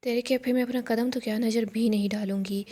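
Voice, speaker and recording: A woman voicing a stern elderly grandmother who scolds and orders people out of her house, in a mellow voice. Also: on the high side, steady tone, fairly quick, lightly acted. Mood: furious. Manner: scolding, commanding.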